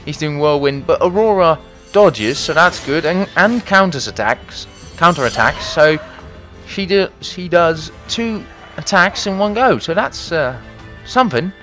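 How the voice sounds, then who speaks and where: A man's voice: on the high side, lively intonation, unhurried, fairly bright tone, soft background music. Chatty man narrating his gameplay. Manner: chatty, self-deprecating, thinking aloud. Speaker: gaming video host. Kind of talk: let's play commentary.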